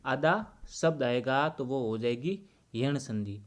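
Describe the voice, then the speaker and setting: A man teaching Hindi grammar to students. He explains slowly and deliberately and repeats the key points. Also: mid-range voice.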